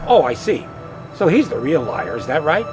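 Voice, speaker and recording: A man's voice: fairly high pitch, big pitch swings, moderate pace. An actor playing a dying man who is skeptical and probing in a short film, with music behind. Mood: doubtful.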